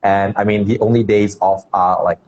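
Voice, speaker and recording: A man from India, a dance teacher, speaking on a video call in a relaxed, rambling way full of "like"s. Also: fairly low pitch, normal speed. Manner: relaxed, rambling, many fillers like "like". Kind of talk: casual video-call conversation. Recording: dull lo-fi video call audio with faint background noise.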